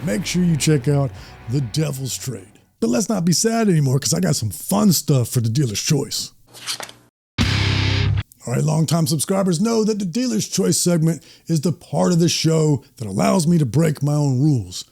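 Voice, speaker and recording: Man, gravelly voice, mellow dark tone, casual album review, enthusiastic. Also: on the high side, expressive, moderate pace, faint music behind. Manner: enthusiastic, joking. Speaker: host.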